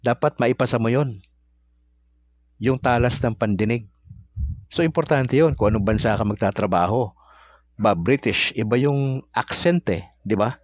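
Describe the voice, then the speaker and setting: A man's voice: mid-range voice, normal speed, pauses often, dry recording. A Filipino man teaching religion in a casual, conversational way, often asking his audience questions. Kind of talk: casual talk-style teaching.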